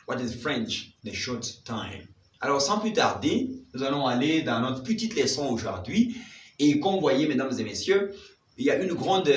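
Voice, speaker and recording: A man teaching a lively bilingual vocabulary lesson, emphatic and repeating words for his listeners to practice. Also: medium pitch, a little hiss or hum. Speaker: language teacher. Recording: roomy, distant mic with faint ambience.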